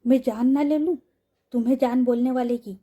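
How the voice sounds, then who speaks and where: A woman voicing an obsessive, possessive young woman who mocks and menaces in a soft, mellow voice. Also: high-pitched, unhurried. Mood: taunting. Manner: mocking, coaxing, menacing.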